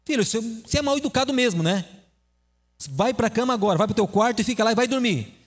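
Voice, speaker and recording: A man's voice: high voice, sing-song, slow, voice pushed up, exaggerated voice. A man voicing a stressed, short-tempered father who brushes off his son. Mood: angry. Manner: snappish and curt. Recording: echoey hall reverb.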